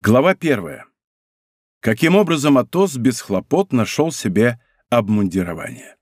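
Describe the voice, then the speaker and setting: A man narrates a classic adventure novel in a studio audiobook. His delivery is dramatic and full of lively rises and falls. The sound is close and dry. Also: medium pitch, normal speed, dry recording. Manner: expressive, dramatic reading. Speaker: audiobook reader.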